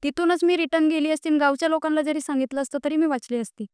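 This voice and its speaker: Young woman, high voice, earnest guest recounting hardship, indignant at times, dry mic. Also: fairly even intonation, fast, darkish tone, no echo. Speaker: podcast guest. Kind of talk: emotional personal storytelling.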